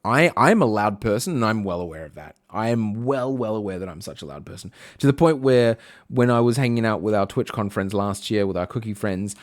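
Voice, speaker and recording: A man's voice: on the low side, animated, brisk, no echo, clean studio sound. A man streaming and chatting casually with his viewers, reading their messages aloud. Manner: chatty, reads chat messages aloud, frequent fillers.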